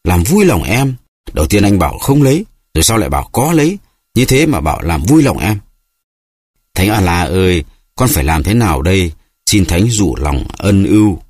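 A man's voice: low voice, big pitch swings, moderate pace, darkish tone, husky, no echo, clean studio sound, full character voice. A man voicing a jealous, tearful wife who keeps accusing her husband, in a reproachful, whining way.

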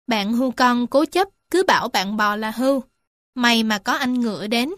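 A woman reading animal stories and facts aloud to young children, gentle and addressing them warmly as little ones. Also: on the high side, moderate pace, dry recording. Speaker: storyteller for children. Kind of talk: children's storybook narration.

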